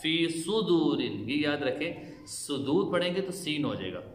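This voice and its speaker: A man teaching Quran recitation rules, explaining slowly and chanting the verses in long drawn-out tones. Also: on the high side, big pitch swings, a little hiss or hum. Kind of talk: tajweed lesson with chanted recitation. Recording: echoey room with long reverb.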